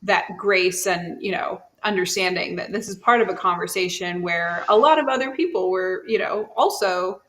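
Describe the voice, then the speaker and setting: A woman's voice: lowish voice, moderate pace, few pauses, fairly bright tone, slight background noise. A woman hosting a casual TV chat show, talking loosely with many fillers. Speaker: podcast host.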